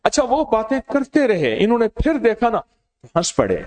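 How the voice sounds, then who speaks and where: A man giving a sermon, telling stories and speaking directly to his listeners in an animated way. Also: high voice. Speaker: religious preacher. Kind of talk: storytelling sermon.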